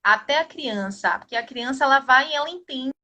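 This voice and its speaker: A woman in her thirties with a Brazilian Portuguese accent, hosting a live video chat in a quick, chatty way. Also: sits high, lively intonation, sharp tone. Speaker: live show host.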